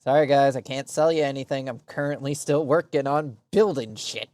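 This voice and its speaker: A man's voice: mid-range voice, normal speed, darkish tone, no room sound. A man casually commenting on his strategy game during a live stream, rambling and muttering to himself with frequent swearing.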